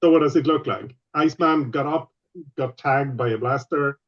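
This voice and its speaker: Man game master on a lo-fi call. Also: mid-range voice. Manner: explains rules patiently with many pauses. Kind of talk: running a tabletop game online.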